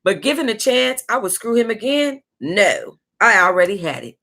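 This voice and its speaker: An American woman hosting a book club reads a tell-all aloud at a normal pace in a medium-pitched voice. Her delivery is casual and sassy, with animated reactions, bursts of laughter and asides.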